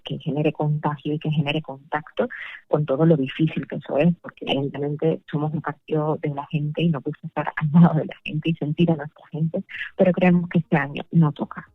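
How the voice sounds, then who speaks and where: A Colombian woman with a Caribbean Spanish accent answers as a guest in a spontaneous radio interview, often pausing and repeating words as she forms her thoughts. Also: low voice, dry recording. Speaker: parliamentary candidate, interview guest. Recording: phone-like narrow band, dry.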